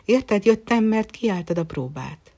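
A storyteller voicing a gentle female fairy in the form of a blue deer, speaking calmly and kindly in a storybook reading. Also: medium pitch, pitched above the performer's own voice.

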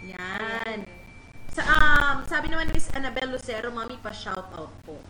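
A woman's voice: a little high, lively intonation, normal speed. A woman hosting a casual live stream chat, bubbly and reading viewer comments aloud. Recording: roomy and noisy.

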